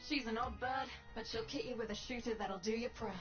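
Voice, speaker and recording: A woman voicing a brisk, gruff mission handler in a video game, giving terse slangy orders. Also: on the high side, lightly acted. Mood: bossy. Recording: dull game audio over loud music.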